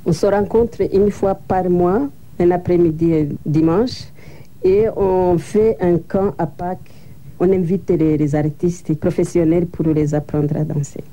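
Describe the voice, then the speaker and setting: A woman's voice: on the low side, steady tone, unhurried, dark tone, muffled recording. A woman giving interview answers in a plain, matter-of-fact storytelling way. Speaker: interviewee, association co-founder.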